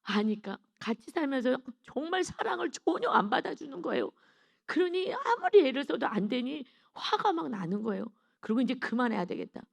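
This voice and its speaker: A woman's voice: sits high, big pitch swings, normal speed, gravelly. A middle-aged woman preacher giving a dawn sermon, telling a personal testimony in an earnest, emotional way and often turning to speak straight to the congregation. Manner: earnest, emotional storytelling with rhetorical asides to the congregation.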